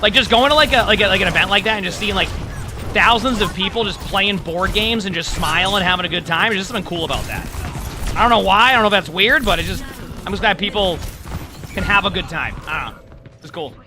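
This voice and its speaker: A man's voice: sits high, lively intonation, quick pace, background noise. A man streaming a game, chatting casually to his viewers through a livestream headset mic. He rambles, using lots of fillers and restarts. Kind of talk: casual chat to stream viewers while gaming.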